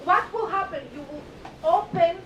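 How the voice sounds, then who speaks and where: A woman's voice: normal speed, lo-fi sound, a crowd in the background. A woman with a Greek accent gives a live cooking demonstration to an audience, playful and emphatic, repeating words and asking questions. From Greece. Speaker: cooking demonstrator on a cruise ship. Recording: echoey room, distant mic, noisy rumble.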